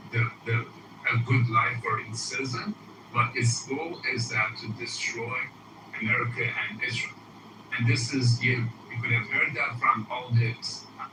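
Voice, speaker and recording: A man with an Iranian accent calling in to a political show, earnest and hesitant, with many fillers. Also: mid-range voice. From Iran. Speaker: caller. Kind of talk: political call-in talk. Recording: roomy and distant with noticeable hiss.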